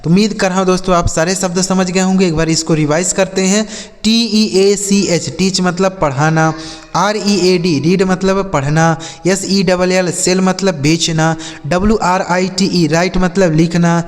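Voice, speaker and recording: A man teaching English vocabulary, spelling each word letter by letter and repeating example sentences slowly. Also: high voice, fairly even intonation, faint music behind. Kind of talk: slow spelling and vocabulary lesson. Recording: long hall reverb.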